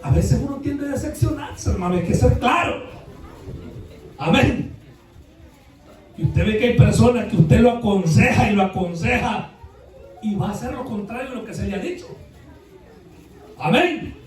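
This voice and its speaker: A high-pitched man preaches in a church, mixing folksy anecdotes with loud, shouted bursts of praise. His voice rings through a very echoey hall. He sounds set back from the microphone. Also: expressive, normal speed, long pauses, distant mic. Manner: folksy storytelling, rising to shouted exhortation. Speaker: pastor. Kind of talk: sermon. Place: church sanctuary.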